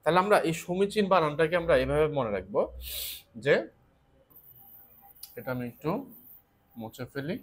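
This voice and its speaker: A man's voice: on the high side, lively intonation. Man teaching spelling, asking and answering. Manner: asks questions and answers them himself; repeats key words slowly. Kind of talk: spelling lesson for exam students.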